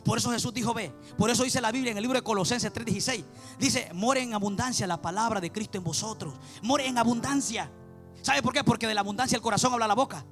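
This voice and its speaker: Fervent high-pitched man preaching fast. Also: fairly bright tone, soft background music. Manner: fervent, repetitive, addresses listeners as beloved brother. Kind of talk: sermon.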